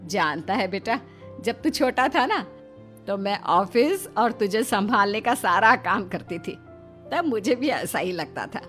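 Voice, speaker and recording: A woman voicing a worried, affectionate older mother-in-law in a cartoon moral story, chiding in an expressive, motherly way. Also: mid-range voice, a little slow, faint music behind. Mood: tender.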